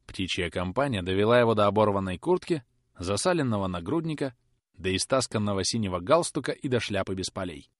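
A man reading a classic novel aloud, narrating in an expressive, measured way. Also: on the low side, no echo, studio quality. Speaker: audiobook reader. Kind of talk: audiobook narration.

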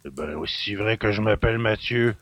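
An actor playing a gruff, suspicious country innkeeper who grumbles in rustic speech. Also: male voice, moderate pace, fairly bright tone, no echo. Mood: grumbling. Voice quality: gravelly, low and husky. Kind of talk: audio drama acting.

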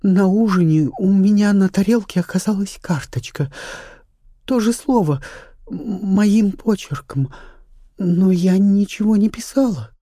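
A man's voice: high-pitched, unhurried, warm tone, no room sound, clean studio sound, voice pushed up. A man voicing a frightened young actress. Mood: shaken. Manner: trembling, breathless, half-whispered. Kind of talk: audiobook character reading.

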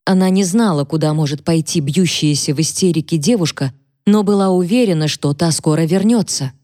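Low, mellow woman reading a novel. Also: fairly quick, dry recording, studio quality. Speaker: audiobook narrator. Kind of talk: scripted narration.

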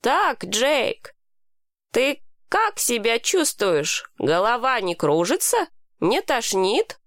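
Woman doing a calm grown woman, wry, reassuring, crisp dry sound. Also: fairly high pitch, slow, no room sound, exaggerated voice. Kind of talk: audiobook character voice.

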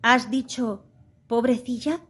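A woman voicing a timid, anxious little male rabbit who speaks in a hushed, urgent, frightened way in a storybook reading. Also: fairly high pitch, slow pace, breathy edge, pitched above the performer's own voice.

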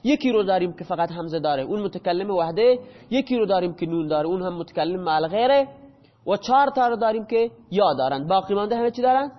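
A man's voice: high-pitched, expressive. A man teaching a grammar lesson in a classroom, explaining step by step and quizzing his students with questions. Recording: dull audio with long hall reverb.

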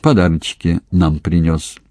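A man voicing a calm, wry young police investigator with a dry, ironic manner, in an audiobook. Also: deep voice, a little slow, dry recording.

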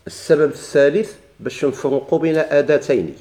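A man's voice: a little high, fairly even intonation, quick pace, a little mellow. A man with a Moroccan accent teaching a grammar lesson, putting questions to his students and answering them himself, repeating each key point.

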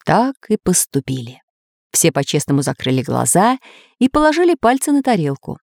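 Audiobook narrator: woman, expressive, dry close sound. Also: on the low side, moderate pace, vocal fry, no echo. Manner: expressive reading.

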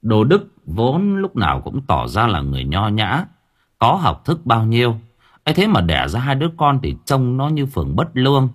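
A man narrating an audiobook story in an expressive storytelling manner. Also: lowish voice. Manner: expressive, swinging voice for drama.

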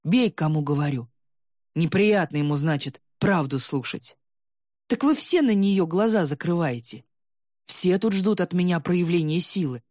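A woman voicing a bitter, jealous young man who shouts resentfully, his voice breaking with tears. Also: lowish voice, expressive, unhurried, dry recording, studio quality. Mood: bitter, shouting.

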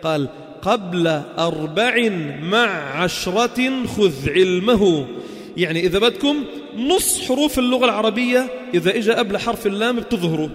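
A man with a Levantine Arabic accent teaching a religious lesson in casual dialect. He often puts quick check questions to the listeners and answers them himself. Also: high voice, long reverb tail.

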